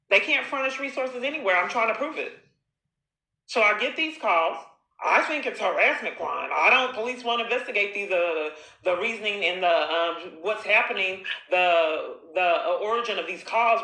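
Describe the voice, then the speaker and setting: A woman records her own phone call as she confronts someone, insistent and accusatory, sliding into long, repetitive monologues. Her medium-pitched voice is animated, pushed and bright at normal speed, in an echoey room.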